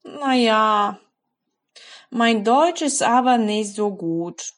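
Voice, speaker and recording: Anxious learner woman, fretful, unsure of herself, slow delivery, put on by a woman. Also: on the high side, animated. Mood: worried. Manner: fretful, rising complaint. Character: anxious female language learner, self-doubting.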